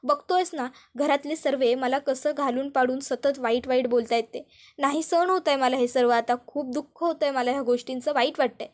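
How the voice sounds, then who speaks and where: A young woman begging to be forgiven, voice high and pleading, as a woman narrator puts her on. She keeps repeating her plea in a soap-drama recap. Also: fairly even intonation, fairly quick, lightly acted. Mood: hurt.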